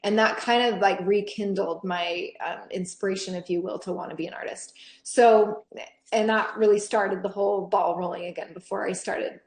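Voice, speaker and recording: A woman teaching a scripture class to teens in a chatty, animated way with frequent laughs and fillers. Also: mid-range voice, moderate pace, echoey room.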